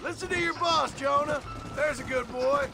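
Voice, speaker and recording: An actor voicing a terse, hardened former outlaw, dry and quietly menacing. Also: male voice, very high-pitched, normal speed, over music.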